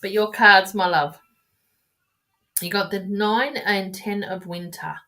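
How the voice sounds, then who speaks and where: On a live stream, a woman offers casual tarot readings, talking affectionately to viewers in a rambling way and restarting her sentences. Her mid-range voice is pushed and bright, with fairly even intonation, and she takes it slowly. A webcam or phone mic records her.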